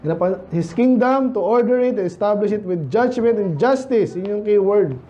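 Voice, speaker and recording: A Filipino pastor delivers a conversational sermon, posing many rhetorical questions and slowly reading Bible verses in English. His male voice sits high, with lively intonation and a warm tone, though the highs are cut off.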